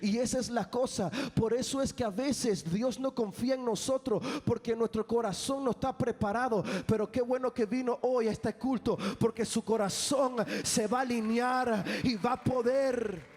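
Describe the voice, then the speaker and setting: A young man preaching an impassioned sermon, at times lifting into sung, shouted phrases. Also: extremely high pitch, moderate pace, few pauses. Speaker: evangelist preacher. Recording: long church hall reverb.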